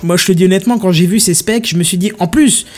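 A man hosting a casual tech podcast chat, excitable, with punchy exclamations as he presents hardware. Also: high-pitched, quick pace.

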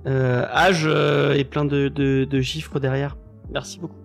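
A man hosting a casual chat close to the mic, hesitant and full of filler pauses. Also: medium pitch, flat delivery, vocal fry, faint music behind. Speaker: podcast host.

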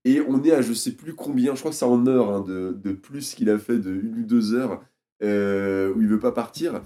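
A man's voice: fairly low pitch, moderate pace, mellow. A man chatting casually as a podcast co-host, telling an anecdote animatedly with many fillers and restarts. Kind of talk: casual chat.

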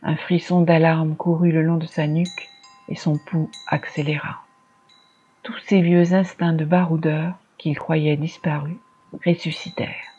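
A storyteller giving a measured, dramatic scripted reading of a dark fantasy tale. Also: medium pitch, little pitch movement, breathy edge, muffled recording.

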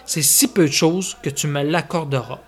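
A man reading the part of a frail, elderly mother gently pleading with her son in an audio story. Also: a little high, moderate pace, close to an everyday voice. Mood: tender.

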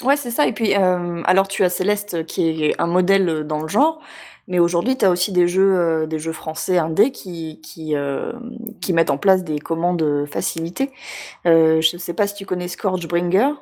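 A woman co-hosting a casual video game chat, enthusiastic and chatty, laughing often and filling pauses. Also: fairly low pitch, a little mellow. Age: adult with a job. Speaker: podcast co-host.

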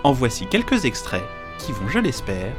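A man hosting a podcast, reading a comic diary in a deadpan, absurd storytelling manner over background music. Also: medium pitch, moderate pace. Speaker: podcast host. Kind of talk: comedic scripted narration as a diary.

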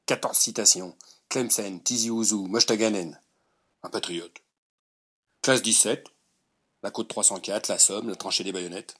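A gruff old colonel, played by a man, barks his record in short, clipped boasts. The voice is low and husky, and it sounds distant, as if taken from an audition recording. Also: steady tone, measured pace, long pauses, a bit bright. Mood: boastful. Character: boastful old male war-veteran colonel.

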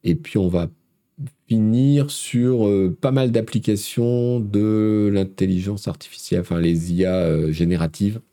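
A man's voice: lowish voice, unhurried, mellow. A man with a cold and a blocked nose hosts a live tech news show in French, talking casually with many hesitations. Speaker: host.

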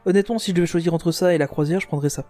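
A man's voice: a little high, very fast, mellow, soft background music. A man chatting on a casual podcast, enthusiastic and rambling, often restarting his sentences.

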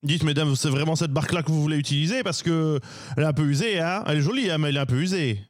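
A man's voice: fairly high pitch, racing, no room sound, studio quality, lightly acted. A man improvising a chatty boat renter who warns two women about a worn boat, in a comedy scene. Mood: warning. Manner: folksy, cautionary.

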